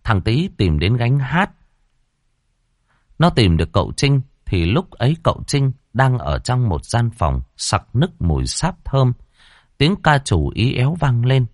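A man narrating a ghost story in a dramatic, expressive storytelling manner. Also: medium pitch, no echo, clean studio sound.

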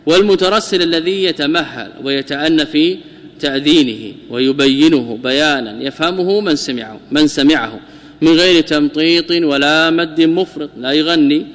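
A man with a somewhat high voice teaches a religious lesson, explaining the text patiently. He repeats key phrases and poses rhetorical questions to his listeners. His voice rings out with a long reverb, as if recorded in a large hall. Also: moderate pace, a bit bright. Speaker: Islamic scholar teaching a jurisprudence text.

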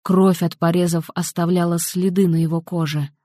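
A woman narrating an audiobook in an even, measured way. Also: on the low side, no echo, clean studio sound.

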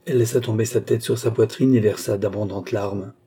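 A man reading a classic novel aloud, with a very dark, mellow and slightly husky voice at an ordinary pitch. His narration is steady and composed. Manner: measured, composed. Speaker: audiobook narrator. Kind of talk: literary audiobook narration.

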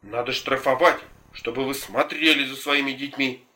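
A man voicing an indignant fashionable lady who scolds in a high, shrill voice. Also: steady tone, normal speed, bright, forceful tone, close to an everyday voice. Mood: haughty scolding.

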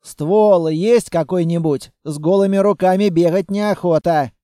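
A man's voice: high-pitched, unhurried, mellow, dry recording, clean studio sound. A male narrator voicing a wary, touchy male quartermaster who grumbles indignantly in an audiobook. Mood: grumbling. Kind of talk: audiobook character voice.

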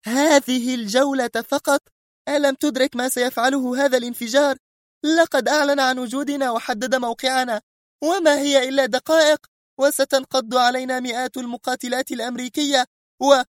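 A man voicing a furious woman who leads a criminal organization, shouting in outrage. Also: very high voice, level tone, fairly quick, dry recording, studio quality, voice pushed up.

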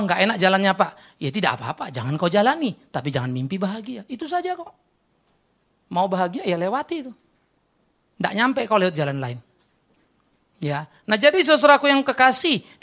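A man preaching a sermon as pastor, telling stories with quoted dialogue and swinging between loud exclamations and quiet confiding asides. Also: high voice.

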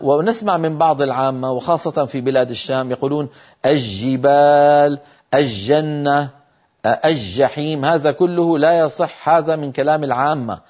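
A man teaching Quran recitation in a televised lesson. He explains patiently, slows down to demonstrate pronunciations, and answers his own questions. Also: on the high side, darkish tone, highs cut off. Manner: poses rhetorical questions and answers them.

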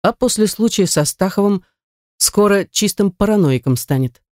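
An audiobook narrator reading a novel with a steady, even storytelling delivery. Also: medium pitch, normal speed, no echo, clean studio sound. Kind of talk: scripted narration.

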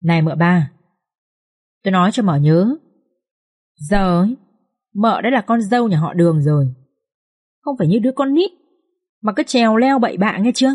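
A woman's voice: medium pitch, expressive, normal speed, pauses often, darkish tone, close to an everyday voice. Female narrator reading a severe older matriarch, lecturing, storybook voice. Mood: stern. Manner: stern, lecturing. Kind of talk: audiobook character reading.

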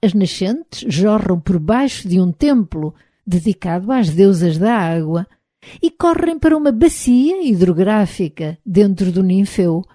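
A woman's voice: mid-range voice, lively intonation, unhurried, mellow. A woman with a European Portuguese accent voicing a plain-spoken male aqueduct worker giving a report in an audiobook. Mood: matter-of-fact.

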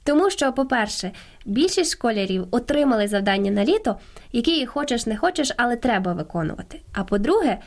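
A woman co-hosting a radio program, making her point in an earnest, persuasive scripted reading. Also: fairly high pitch. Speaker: radio co-host.

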